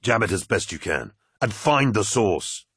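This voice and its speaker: A man's voice: lowish voice, very animated, measured pace, fairly bright tone, slightly rough, no room sound, clean studio sound, exaggerated voice. A man voicing a stern armored warrior commander who asks curt, commanding questions.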